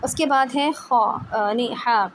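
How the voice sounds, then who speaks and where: Woman, tajweed teacher, patient explanations, slow demonstrations, somewhat high voice. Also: background noise. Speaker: Quran recitation teacher. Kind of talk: one-on-one tajweed lesson.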